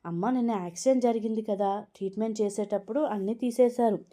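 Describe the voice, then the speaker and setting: A woman reading a storybook aloud, voicing a flustered young man who makes hurried, evasive excuses. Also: mid-range voice, warm tone, natural voice.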